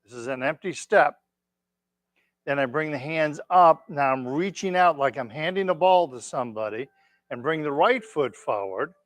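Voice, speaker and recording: A man teaching a tai chi class, giving gentle, unhurried step-by-step cues with encouragement. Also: fairly high pitch, lively intonation, no echo. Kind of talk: instructing a class through movements, step by step.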